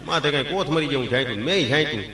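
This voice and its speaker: A man with a Kathiyawadi Gujarati accent telling a comic story on stage in a folksy, deadpan way, acting out bits of dialogue. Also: a little high, racing. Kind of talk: Gujarati folk comedy storytelling. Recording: echoey hall, mic at a distance. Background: audience laughter.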